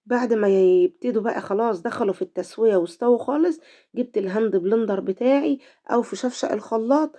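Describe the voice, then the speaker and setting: Fast-talking Egyptian woman with a cold. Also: fairly high pitch, dark tone. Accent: Egyptian Arabic. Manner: chatty, talks to viewers directly. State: voice affected by a cold. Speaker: cooking channel host. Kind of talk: home cooking tutorial.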